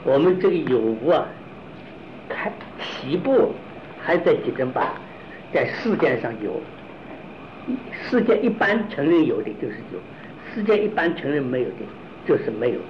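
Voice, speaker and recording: Halting man giving a Buddhist lecture. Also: a little high, very animated, highs cut off, a little hiss or hum. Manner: halting, repeats and restarts phrases, asks rhetorical questions. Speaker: Buddhist philosophy teacher.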